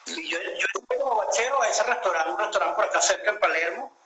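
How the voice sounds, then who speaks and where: A man's voice: high voice, animated, fast talker, sharp tone, roomy sound, slight background noise, low-quality recording. A man in his late thirties with a Venezuelan accent, a guest telling his story in a reflective way with many hesitations over a video call. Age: 30s. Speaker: interview guest.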